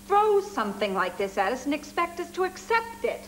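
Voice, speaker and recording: A poised, middle-aged society woman answers with reproach. Her high voice moves widely in pitch, and a faint hum sits under the 1980s TV sound. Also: sing-song, a little fast. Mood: defensive. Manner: defensive, reproachful. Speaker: actress in a TV miniseries. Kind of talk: 1980s TV drama acting.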